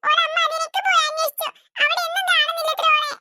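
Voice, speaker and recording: Little cartoon children, voiced by one performer, sobbing and pleading. The voice is very high and bright, recorded dry and close. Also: flat delivery, quick pace, no room sound, full character voice. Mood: tearful. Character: small crying children, upset. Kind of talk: Malayalam cartoon voice acting.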